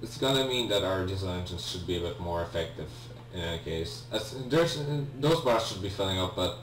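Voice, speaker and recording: With a low but slightly bright voice, lively intonation and a brisk pace, a young man with a Polish accent chats casually through his game. He's a native Polish speaker and a let's-play gamer who sounds hesitant and apologetic, often restarting with an "um." The room is echoey, the mic distant, and a faint hum persists.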